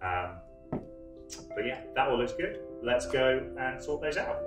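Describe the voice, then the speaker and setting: Chef explaining a recipe in an echoey hall. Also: male voice, medium pitch, unhurried, loud music behind the voice. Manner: relaxed, explanatory, many ums. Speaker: head chef. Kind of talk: cooking demonstration. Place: large wood-panelled college hall, indoors.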